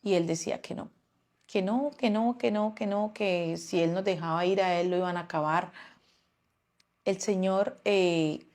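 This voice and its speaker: A woman's voice: mid-range voice, a little mellow. A woman giving a personal testimony, often stopping and repeating words as she recounts events.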